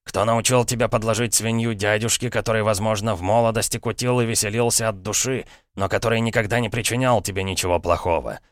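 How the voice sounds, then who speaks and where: A male reader plays a jovial brother-in-law in middle age who mocks everything. He speaks slowly and ironically in a low, smooth voice. The recording is close and dry. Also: steady tone, no room sound, natural voice. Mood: flustered. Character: jovial, mocking middle-aged brother-in-law with a shady past. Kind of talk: audiobook character reading.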